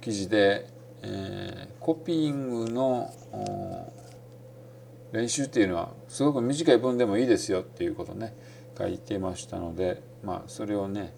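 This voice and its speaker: Male podcast host with a Kansai accent: low, gravelly voice, casual and meandering lesson delivery. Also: slight background noise. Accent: Kansai Japanese. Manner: relaxed and rambling, many fillers; demonstrates English phrases in between. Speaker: English-learning podcast host.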